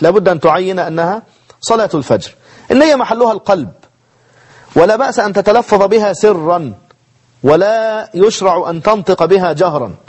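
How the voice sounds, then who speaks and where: A man's voice: sits high, a little mellow. A man with an Egyptian accent teaching a televised religious lesson, mixing classical and colloquial Arabic and asking and answering his own questions. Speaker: teacher of Islamic jurisprudence. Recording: broadcast studio recording.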